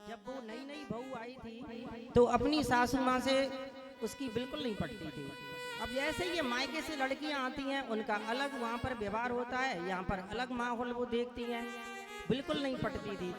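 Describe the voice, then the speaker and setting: A man's voice: very high voice, moderate pace, over loud music. A man telling a devotional sermon as a katha storyteller, teaching through homely, folksy anecdotes.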